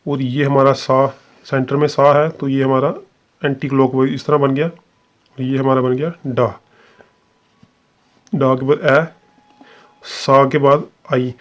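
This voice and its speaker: Male instructor, mid-pitched, patient step-by-step explainer. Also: little pitch movement, a little slow, long pauses. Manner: patient, repetitive, often checks in with "ठीक है". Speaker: shorthand teacher. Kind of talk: explanatory classroom lesson.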